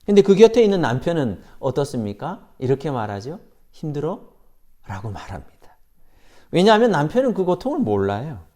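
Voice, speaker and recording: Man preaching with lively pitch. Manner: dramatic pauses, acting out quoted questions. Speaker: pastor. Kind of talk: sermon. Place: church sanctuary.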